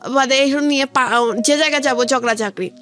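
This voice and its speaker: During a radio interview set to background music, a young Bangladeshi-accented woman speaks a little fast in a high, slightly bright voice. She relates her life story colloquially, quoting conversations directly quite often.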